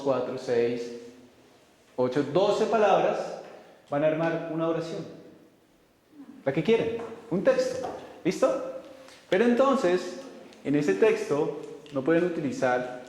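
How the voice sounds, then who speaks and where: A man's voice: a little high, a little mellow. A man teaching a class, walking students through rules and often stopping to check they follow. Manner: keeps checking in with students, questioning tone. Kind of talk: classroom lecture. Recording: very echoey hall with faint noise.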